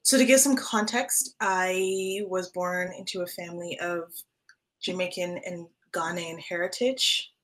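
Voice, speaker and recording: A young woman guest in a casual interview, speaking thoughtfully with pauses. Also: fairly low pitch, fairly even intonation.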